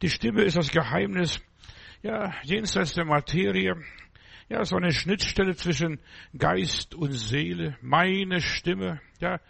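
A man preaching a sermon as a pastor, speaking slowly and emphatically and tagging his phrases with a short affirming "ja". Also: sits high, vocal fry, a bit bright, slightly rough. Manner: slow, emphatic, punctuates phrases with "ja".

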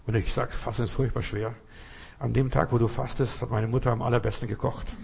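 A man's voice: medium pitch, little pitch movement, brisk, vocal fry, a little mellow. A man preaching a sermon, talking directly to the listener and often asking if they understand, with sudden emphatic rises in his voice. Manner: talks straight to the listener, keeps asking "you understand?".

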